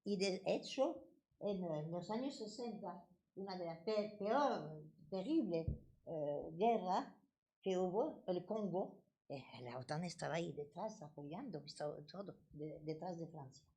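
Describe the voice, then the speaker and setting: At a debate, a woman with a French accent delivers a passionate political talk, often hesitating and restarting words. Her voice is fairly low, mellow and animated, and she speaks unhurriedly.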